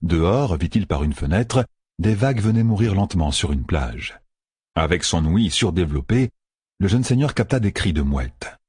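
A male audiobook narrator with a very low, husky and breathy voice. He reads in steady scripted narration. The sound is dry and close, with no room around it. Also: normal speed, no room sound.

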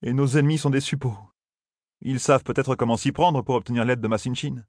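A man's voice: medium pitch, steady tone, fairly quick, a little mellow, no room sound, clean studio sound, pitched above the performer's own voice, close to an everyday voice. A man voicing a brash, reckless young man who talks bluntly and edgily, in a fantasy audiobook. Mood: grim.

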